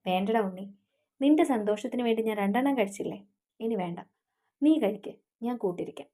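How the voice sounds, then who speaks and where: A woman's voice: on the high side, fairly quick, warm tone. A woman voicing an earnest young man, engaged and devoted to his fiancée, who speaks in a pleading way.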